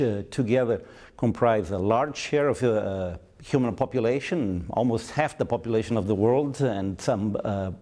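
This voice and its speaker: A man from Brazil with a Brazilian accent and Portuguese as his first language, giving formal, measured diplomatic interview answers with frequent hesitant pauses. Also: mid-range voice, dark tone. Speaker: ambassador, interview guest.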